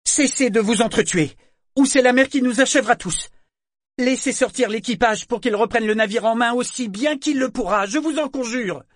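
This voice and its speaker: A man voicing a frightened young boy who shouts orders on a ship in a storm, in a high, strained voice. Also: brisk, few pauses, no room sound, studio quality. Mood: desperate shouting. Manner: high, strained, desperate yelling.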